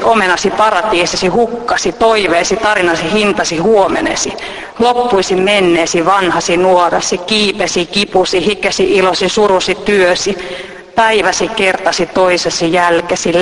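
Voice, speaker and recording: Man with a high voice musing aloud and reciting verse in a slow, rhythmic cadence, heard in a reverberant space. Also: fairly bright tone. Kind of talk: musing monologue and poetry reading.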